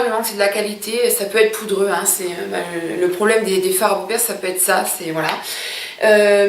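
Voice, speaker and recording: A woman's voice: a little high, recorded from a distance, a little hiss or hum. Gushing woman beauty vlogger, echoey room. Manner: chatty, gushing, many fillers. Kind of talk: casual makeup review.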